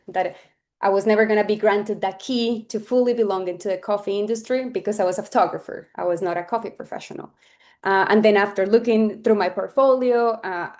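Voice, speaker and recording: The webinar speaker, a Colombian woman in her thirties, talks in a medium-pitched, darkish voice over a video call. Her casual, heartfelt presentation is full of filler words and restarted sentences.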